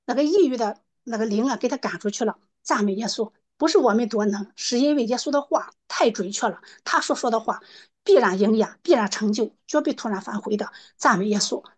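High-voiced woman giving church testimony. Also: a little fast. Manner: retells dialogue, punctuated with praise phrases. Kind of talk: spoken religious testimony.

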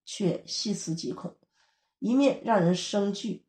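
Woman preacher, steady explanatory sermon delivery, mellow voice, echoey room. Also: mid-range voice, unhurried. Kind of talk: sermon teaching.

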